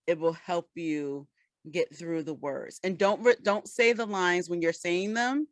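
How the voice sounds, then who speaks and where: A woman's voice: lowish voice, measured pace, no echo. A woman co-hosting a casual podcast chat, patiently explaining and giving advice. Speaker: podcast co-host.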